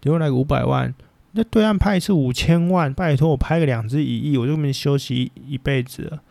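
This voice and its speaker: Gravelly blunt man with a Taiwanese accent. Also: medium pitch, fairly quick, darkish tone, no echo. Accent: Taiwanese Mandarin. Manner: blunt, rambling, swears casually. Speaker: podcast host. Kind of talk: casual opinion chat.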